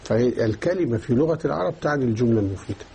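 A man with a medium-pitched, gravelly, dark voice speaks very fast and animatedly while teaching Islamic jurisprudence. He explains a religious text and keeps asking questions to check that his students are following. There's a little hiss or hum in the audio.

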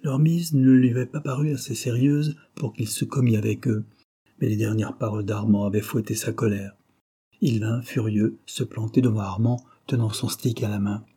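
Husky-voiced man narrating a novel. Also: on the low side, steady tone, moderate pace, mellow. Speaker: audiobook narrator. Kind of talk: scripted narration.

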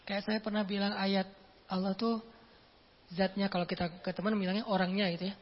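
A woman's voice: medium pitch, flat delivery, fairly quick. A woman preacher giving a casual, humorous religious lecture, telling stories and acting out what people say. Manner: humorous, storytelling, acts out quoted speech. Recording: echoey hall, dull lo-fi sound.

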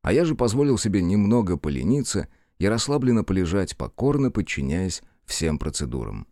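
Man, audiobook narrator, first-person story, low voice, expressive, dry close mic. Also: fairly quick, no room sound.

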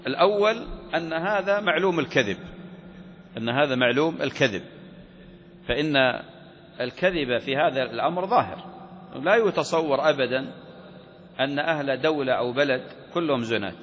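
A man's voice: fairly high pitch, lively intonation, normal speed, long pauses, lo-fi sound. Man teaching law in a reverberant hall. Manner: explains by asking the class questions and answering them himself. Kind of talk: classroom lecture on Islamic jurisprudence. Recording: reverberant hall with faint ambient noise.

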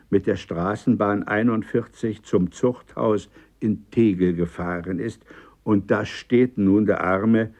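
A man reading a scripted radio essay in a measured, literary manner. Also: fairly low pitch, mellow. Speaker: narrator.

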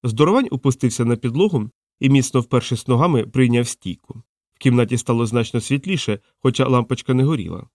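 A man reading an audiobook aloud in a wry, lively storytelling manner, close to the mic. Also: medium pitch, fairly quick, no echo. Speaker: audiobook narrator.

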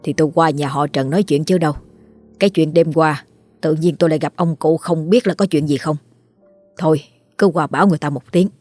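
A frightened middle-aged husband from a country village, stammering, voiced by a woman. The voice sits low and steady, with soft music under the storybook reading. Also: fairly quick, no echo. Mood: earnest. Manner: stammers when scared.

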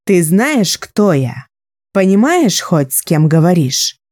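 A man's voice: high voice, animated, a little slow, dark tone, pitched above the performer's own voice. A man voicing a cold, commanding noblewoman who speaks in a clipped, threatening way in an audiobook.

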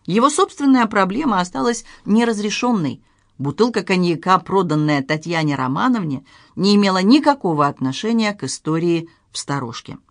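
An audiobook narrator reads the story in lively, scripted narration. The voice sits at a medium pitch. The recording is dry and close, with no room sound. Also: a little fast, dry recording.

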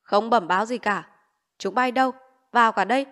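A woman's voice: a little high, a little fast, natural voice. A woman doing a stern old village official. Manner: curt, loud barking orders. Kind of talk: audiobook character voice.

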